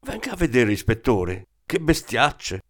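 A man reading the lines of a blunt, excitable male deputy inspector in an audiobook. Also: mid-range voice, brisk, close to an everyday voice. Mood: excited.

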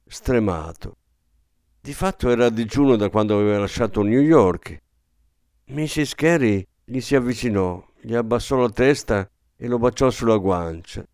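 Man narrating an audiobook, calm and measured, smooth resonant voice, dry close mic. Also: mid-range voice, no room sound. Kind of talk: scripted narration.

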